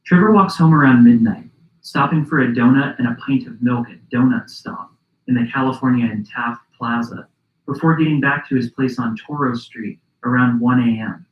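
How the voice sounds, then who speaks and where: Male narrator, scripted documentary read, mid pitch, roomy echo, slightly dull sound. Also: moderate pace. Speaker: podcast host and narrator.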